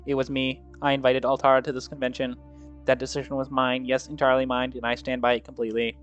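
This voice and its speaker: A man's voice: mid-range voice, completely flat delivery, fast, a bit bright, muffled recording, close to an everyday voice. A man voicing a round, polite robot president who pleads for peace in a formal, heartfelt way over faint music. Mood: earnest pleading.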